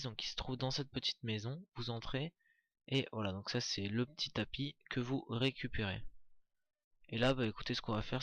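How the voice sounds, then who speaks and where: A man's voice: mid-range voice, creaky, fairly bright tone, dry recording. A man giving casual, chatty commentary on a game walkthrough, hesitant, with many fillers and restarts. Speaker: gameplay commentator.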